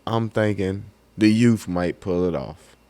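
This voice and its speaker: A man's voice: sits low, a little slow, mellow, smooth. A man in a casual sports debate, talking in an informal, slangy and emphatic way. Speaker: sports talk co-host.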